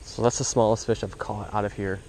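Young dude on a head cam at a pond, hyped and slangy, clear outdoor noise around him. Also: male voice, lowish voice, fairly quick, rough recording. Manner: excited, slangy, talks to viewers as bro and dude. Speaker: fishing vlogger. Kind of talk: casual commentary while fishing. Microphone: head-mounted action camera.

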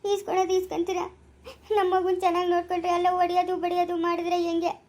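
A woman plays a worried mother in a home-made family drama, pleading in a tearful way. The voice is very high and mellow, and it carries a rural Karnataka accent. She speaks quickly. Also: completely flat delivery. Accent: rural Karnataka Kannada.

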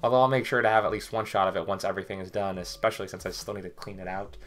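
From a small bedroom crowded with hardware boxes, a young tech vlogger talks rapid-fire into his desk webcam in a deep, fairly bright voice with fairly even intonation. He's a little sick and coughs as he casually rambles through computer parts, using lots of fillers.

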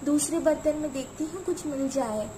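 A woman's voice: high-pitched, normal speed, noisy background, close to an everyday voice. A woman voicing an anxious, caring mother in a doll cartoon, cautioning and fretful.

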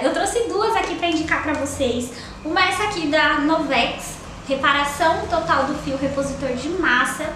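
Bright, high-voiced Brazilian woman vlogger. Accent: Brazilian Portuguese. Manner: chatty, gushing, lots of fillers like "tá?" and "ó". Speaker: beauty vlogger. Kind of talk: casual product review. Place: small indoor room with a sofa. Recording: very echoey room with faint noise.

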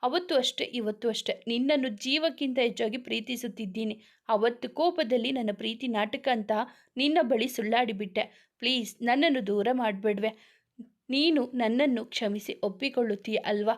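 A woman's voice: on the high side, moderate pace, lightly acted. A woman reading the lines of a tender young man who earnestly begs his love's forgiveness in a romance story. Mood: pleading. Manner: earnest, apologetic pleading.

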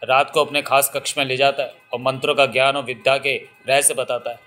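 A man's voice: mid-range voice, flat delivery, fairly quick, pushed and bright, soft background music, close to an everyday voice. A man voicing a young village woman, a temple devadasi in love, in a Hindi audiobook reading, by turns pleading and teasing. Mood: earnest.

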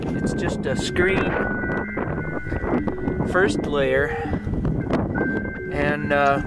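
Holding the camera at arm's length on a snowy ridge, a middle-aged man easily chats through his backcountry outing, unhurried and peppered with fillers. His voice is a little high, the sound quality is poor, and music plays beneath his speech.

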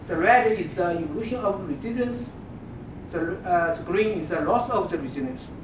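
A woman giving an academic thesis defense presentation, explaining step by step in a halting way. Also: expressive. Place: dark lecture room with projection screen. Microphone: distant camera microphone. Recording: distant, echoey room recording with rumbling noise.

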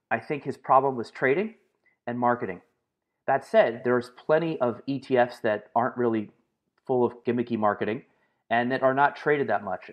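A man being interviewed on a podcast, answering in long, lively stories with frequent fillers. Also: medium pitch, dull audio. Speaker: guest, market analyst and author.

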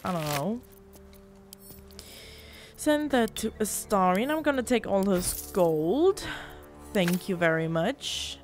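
A woman's voice: medium pitch, very animated, takes it slowly, pauses often. A woman giving casual, teasing commentary while playing a role-playing game, grumbling and swearing at her party. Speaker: gameplay video host. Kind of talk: casual let's-play commentary. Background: game music.

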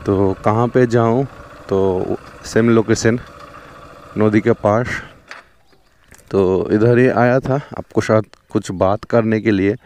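Speaking slowly and steadily in a lowish, slightly mellow voice, a young Bengali-accented man chats while riding his motorbike by a river. He's a motovlogger from West Bengal whose native tongue is Bengali, filmed on a helmet or chest action camera, and he keeps saying "theek hai" and "dekho."

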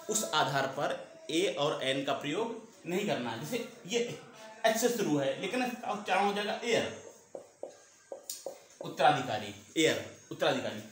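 A man teaching a class, repeating each point and asking and answering his own questions. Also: on the high side. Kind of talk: classroom lesson. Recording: very echoey room, faint noise.

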